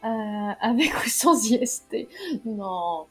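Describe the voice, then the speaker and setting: A woman's voice: fairly high pitch, takes it slowly, slightly rough. A young woman streaming a game, chatting casually, laughing often and reading chat messages aloud. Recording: faint game music behind.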